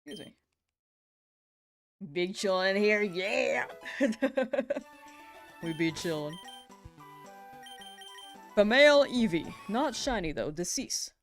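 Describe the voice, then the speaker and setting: A woman's voice: medium pitch, lively intonation, takes it slowly, long pauses, faint music behind. A young woman streaming a game, chatting casually and giggling as she reads viewer messages. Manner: laid-back, giggly, chatting with viewers while hunting in a game. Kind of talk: casual live-stream chat.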